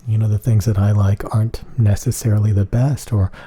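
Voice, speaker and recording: Monotone emotionless asmr dude, kinda husky and real soft dark tone, just meandering along. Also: male voice, lowish voice, a little fast. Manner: hesitant, meandering. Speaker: ASMR video creator. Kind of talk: rambling monotone ASMR talk.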